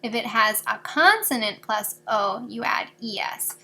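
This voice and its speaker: A woman with a high, bright voice leads a recorded video lesson for fourth graders. She walks through each rule patiently, giving examples for every step. Her tone is clear and easy for children to follow. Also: expressive, a little slow.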